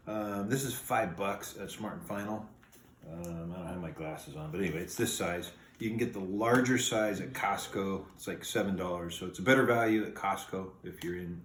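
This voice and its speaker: A man hosting a casual cooking video in a home kitchen, talking step by step in a relaxed, plain way with many "uh"s and "um"s. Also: fairly low pitch, slight background noise. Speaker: home cooking show host.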